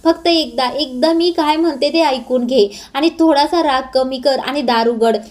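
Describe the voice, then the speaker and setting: A woman's voice: sits high, moderate pace, darkish tone, natural voice. A woman reading a pleading young wife.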